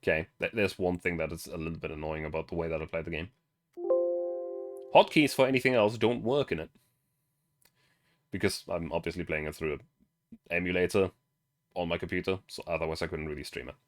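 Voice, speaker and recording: A man's voice: deep voice, fairly quick, long pauses, soft background music. A German man with a German accent, streaming as he reads a game's story aloud and chats about it. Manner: chatty, self-interrupting, laughs. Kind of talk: reading game story aloud with commentary.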